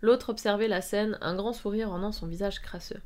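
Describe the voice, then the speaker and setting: A woman reading an amateur story aloud on a live stream, at a mid pitch for her. She keeps stopping to mock the text with dry, sarcastic asides. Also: fairly even intonation, moderate pace, a little mellow. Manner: reads with frequent sarcastic asides and laughs.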